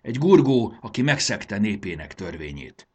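A man doing a loud, hostile young gurgó. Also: on the low side, wildly swooping pitch, breathy edge, exaggerated voice. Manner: loud and accusing. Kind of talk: audiobook character voice.

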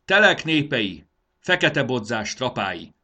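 A man's voice: mid-range voice, very animated, bright, forceful tone, pitched above the performer's own voice. A man voicing a pompous, hot-tempered male warlord who bellows commands in a storybook reading. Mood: commanding. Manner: bellowing commands, self-important.

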